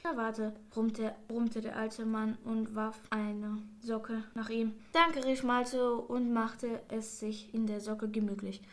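Higher-voiced woman reading a children's story. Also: level tone, slow pace, hardly any pauses, darkish tone.

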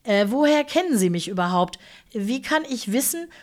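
A woman's voice: a little high, big pitch swings, moderate pace, voice pushed up. Woman doing a stiff, fussy bookkeeper man. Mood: flustered. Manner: stiff, indignant and formal. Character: fussy pedantic middle-aged male bookkeeper.

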